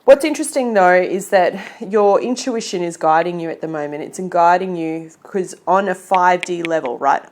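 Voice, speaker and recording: Give me an Australian woman reading tarot cards in a chatty, encouraging way, with a slightly low voice. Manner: chatty, encouraging, often checks in with "okay?" and "right?". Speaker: tarot reader. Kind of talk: casual tarot reading to camera.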